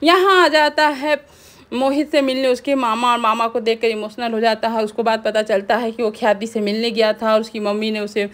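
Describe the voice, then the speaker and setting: A woman's voice: fairly high pitch, steady tone, a bit bright. A woman casually retelling the events of a TV serial episode, stringing scenes together with frequent restarts. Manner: fast retelling with restarts and pointing phrases. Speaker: TV serial recap narrator.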